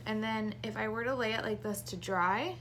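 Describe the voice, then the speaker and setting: A woman's voice: on the high side, moderate pace, a bit bright, a little hiss or hum, poor audio. A woman in her thirties, heavily pregnant and short of breath, giving a casual hands-on craft tutorial to camera. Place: small indoor craft room.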